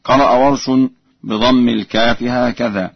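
A man teaching Quran reading variants, explaining calmly and chanting the verses slowly as examples. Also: medium pitch, vocal fry, slightly rough, dry recording, muffled recording. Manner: measured explanation broken by slow chanted verses.

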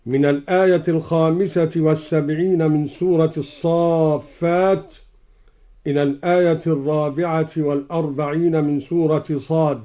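A man explaining variant readings of scripture in a formal, measured way, chanting each example. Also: a little high. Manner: measured, formal classical delivery. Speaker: Quran recitation teacher. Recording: dull lo-fi broadcast recording.

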